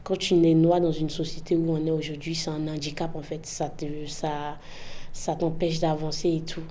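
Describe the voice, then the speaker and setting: A woman's voice: deep voice, little pitch movement, normal speed, warm tone, a little hiss or hum. A young woman giving frank, impassioned interview answers, often tagging her points with "en fait". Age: young adult. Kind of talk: candid interview testimony.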